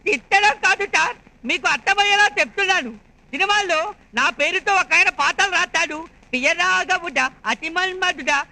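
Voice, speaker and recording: Timid exasperated fellow, pleading, very high voice, sharp bright tone, film comedy. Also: male voice, normal speed, gravelly, full character voice, rough recording. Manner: pleading, wordplay, exasperated repetition. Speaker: comic actor.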